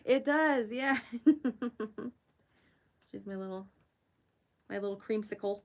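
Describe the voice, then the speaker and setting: A young woman hosting a casual art livestream, chatting with viewers as she works, giggling often and jumping up high to greet people. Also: slow. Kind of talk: casual livestream chat while drawing.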